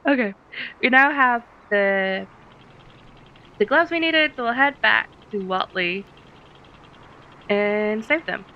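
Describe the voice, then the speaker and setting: A woman's voice: on the high side, lively intonation, slow, pauses often, lo-fi sound, slight background noise. Chatty woman narrating her gameplay. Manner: chatty, giggles at puns, thinks aloud. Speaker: let's play host. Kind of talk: casual gameplay commentary.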